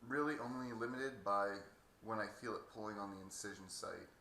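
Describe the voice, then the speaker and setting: A man giving a halting, hesitant casual video update with a sore throat two days after surgery. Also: lowish voice, pushed and bright. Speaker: patient vlogger. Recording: echoey room, faint background noise.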